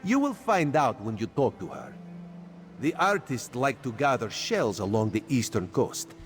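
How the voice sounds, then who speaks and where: Over faint game music, an actor voices a sly, playful cat-man spymaster who gives out quests in a video game and speaks of himself in the third person. His mid-range male voice is very animated, with a slightly slow delivery.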